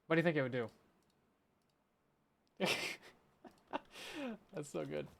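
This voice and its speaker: A game streamer with a slightly high, gravelly voice talks slowly as he plays, casually chatting with his live chat. He's playful and laughs a lot during the gameplay commentary.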